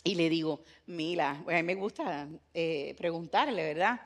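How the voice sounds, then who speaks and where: A woman's voice: sits low, animated, normal speed. An older woman pastor with a Puerto Rican accent, giving a conversational sermon that mixes family stories with emphatic exhortation. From Puerto Rico. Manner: conversational preaching with retold family anecdotes, rising to emphatic exhortation. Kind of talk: sermon to a women's meeting.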